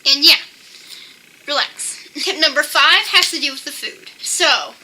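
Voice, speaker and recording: High, very bright young woman chatting casually. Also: normal speed, slight background noise, rough recording. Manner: chatty, with frequent "like". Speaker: vlogger sharing personal tips. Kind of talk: casual monologue giving tips.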